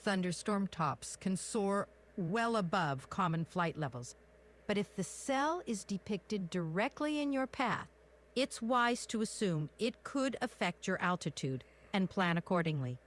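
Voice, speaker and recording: A synthetic woman's voice acting as an AI copilot, giving smooth, polished scripted replies. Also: mid-range voice, lively intonation, a little slow.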